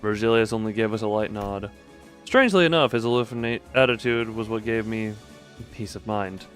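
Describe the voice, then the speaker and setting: A man with a fairly low voice live-streams a game at a moderate pace, soft music playing behind him. He reads the game's dialogue aloud, stumbling and correcting himself now and then as he mixes in his own commentary.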